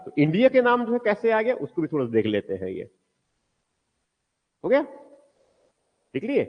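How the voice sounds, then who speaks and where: Lively-pitched man teaching history. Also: long reverb tail, dull audio. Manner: asks the class questions and answers them himself; repeats key words, drawn out for stress. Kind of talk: classroom history lecture.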